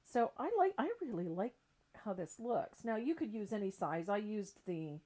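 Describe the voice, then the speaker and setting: This middle-aged craft painting instructor and livestream host talks informally through a live tutorial from her indoor craft table. She has a mid-range, sing-song voice, warm in tone, moving at normal speed.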